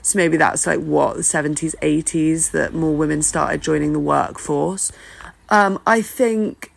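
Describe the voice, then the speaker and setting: A woman with a lowish voice and a lot of vocal fry gives her opinions in an informal solo podcast. She is candid and self-deprecating, often hesitating and rewording as she works out her thoughts. She records at home by simply talking into her phone. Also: fairly even intonation, unhurried. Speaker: podcast host. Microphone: talking into a phone, no studio.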